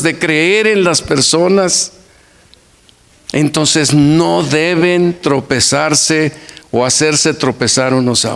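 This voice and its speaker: Earnest older male preacher, fairly high voice. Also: a bit bright. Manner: earnest, repetitive preaching with folksy anecdotes. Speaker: pastor. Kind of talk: sermon. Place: church.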